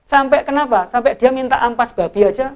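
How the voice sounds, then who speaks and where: A middle-aged man, an evangelist, retelling a Bible parable in an informal, animated way as he draws lessons from it. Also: extremely high pitch, a little fast. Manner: animated storyteller, informal, restarts and fillers. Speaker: evangelist and ministry leader. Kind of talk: sermon-style Bible storytelling in a discussion.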